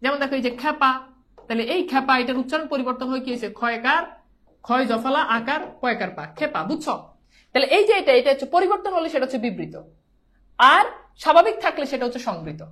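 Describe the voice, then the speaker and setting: A woman's voice: high-pitched, lively intonation, quick pace, pushed and bright. A woman teaching a pronunciation lesson, repeating herself and coaxing students to say whether they understand. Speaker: Bangla teacher.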